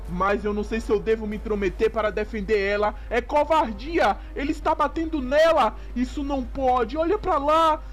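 A man voicing a young grown male Tyrannosaurus hero, soft-spoken and earnest. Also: very high voice.

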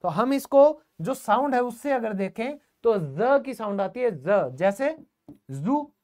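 A man's voice: very high-pitched, animated, measured pace, a little mellow. A man teaching English in an online classroom lesson. He asks the class questions, answers them himself, and repeats the key words. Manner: calls the viewers "friends" often and repeats key words.

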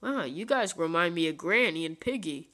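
A woman's voice: fairly low pitch, expressive, normal speed, a bit bright. A woman voicing a suspicious toy soldier who questions bluntly in a homemade puppet play.

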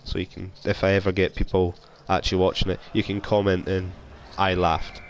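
Speaking fairly quickly in a low monotone, this young man from Scotland has a cold and chats casually while gaming, often putting himself down. He's a YouTuber giving relaxed gameplay commentary, recorded on a console headset mic with a little hiss or hum.

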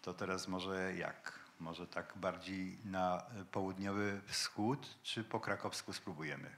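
A man's voice: low-pitched, fairly even intonation, measured pace, a bit bright, slight background noise. A man speaking as a linguist on a panel debate, explaining points to an audience in a lecturing way. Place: event hall with an audience.

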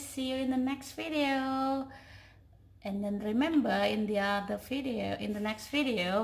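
Eine junge Frau aus Indonesien mit indonesischem Akzent, die als Familien-Vloggerin fröhlich und singend mit ihrem Kleinkind in die Handykamera plaudert. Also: female voice, a little high, creaky. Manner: cheerful sing-song baby talk with her toddler. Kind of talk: casual chat to camera. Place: living room, on a sofa. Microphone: phone camera at arm's length. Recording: echoey living room.

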